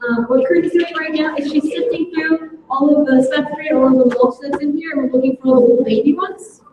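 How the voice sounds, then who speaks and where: High-voiced woman explaining in an echoey hall. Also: fairly even intonation, brisk, slight background noise. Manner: explains patiently with frequent ums. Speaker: science center educator. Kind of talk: live explanatory talk. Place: indoor science center exhibit with visitors. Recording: echoey, distant, dull.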